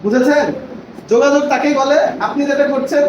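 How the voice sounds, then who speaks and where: A man's voice: very high voice, steady tone, fairly quick, dull audio. A man training teachers in a classroom lecture, explaining with examples and often checking that the listeners understand. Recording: echoey room from far off, noisy.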